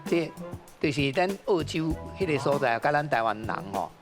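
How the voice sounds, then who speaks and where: A man's voice: fairly high pitch, expressive, moderate pace, music in the background. A man with a Taiwanese Hokkien accent giving unscripted, didactic commentary as a quiz show's language expert, often adding filler particles.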